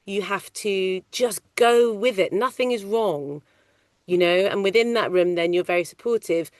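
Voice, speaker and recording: A middle-aged woman working in film casting, talking loudly and animatedly in a casual interview. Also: medium pitch, normal speed, no room sound, clean studio sound. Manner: loud, animated, chatty storyteller. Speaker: ADR casting coordinator.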